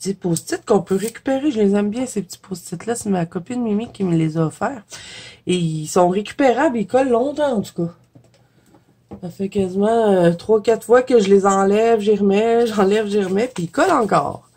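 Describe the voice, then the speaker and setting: A woman's voice: medium pitch, normal speed, mellow, slightly rough. A woman with a Quebec French accent, congested with a head cold, chatting casually and laughing at herself as she paints for her viewers. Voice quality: chatty, laughs often, self-deprecating. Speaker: watercolor coloring vlogger. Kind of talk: casual chat while painting.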